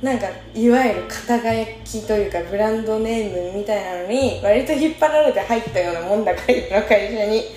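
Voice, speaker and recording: A woman's voice: mid-range voice, brisk, few pauses, darkish tone, a little hiss or hum. A young woman in her twenties casually telling a personal story, chatty and informal, laughing often as she talks. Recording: echoey room with faint music.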